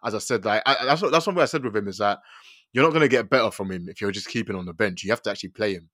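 A man's voice: on the low side, very fast, a bit bright, dry recording, studio quality. A young man with a London accent hosting a casual, slangy sports chat, often repeating and rephrasing himself. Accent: London, urban slang. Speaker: podcast host.

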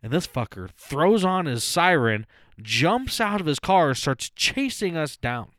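A man's voice: on the high side, sing-song, measured pace, fairly bright tone, no room sound, studio quality. A man in his thirties telling a story as a podcast co-host, casual and full of profanity. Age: 30s. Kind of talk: casual chat.

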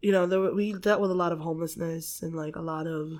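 A woman from the Philippines talks in an easy, unscripted way, her voice sitting a little low. She laughs between thoughts, swears without fuss and leans on um and like as she goes. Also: fairly even intonation, quick pace, a little mellow. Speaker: podcast guest. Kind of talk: casual chat.

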